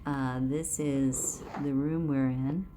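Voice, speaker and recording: A woman's voice: a bass voice, fairly even intonation, slow pace, noisy background. A woman recording a candid personal video diary in a small clinic room on a handheld phone, speaking wryly and sometimes dropping to a whisper. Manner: candid, wry, drops to a whisper at times. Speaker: video diarist.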